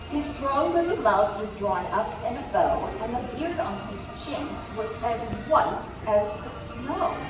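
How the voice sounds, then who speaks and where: A distant, reverberant live recording with loud noise carries a merry Mrs. Claus. Her pitch is on the high side and swings expressively as she performs for her audience like a doting storyteller. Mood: fond, gentle. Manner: expressive, deliberate, drawn-out delivery addressed to an audience. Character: Mrs. Claus, merry doting wife of Santa reading aloud. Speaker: storyteller at a live holiday show. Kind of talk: theatrical live storytime reading of a rhyming poem.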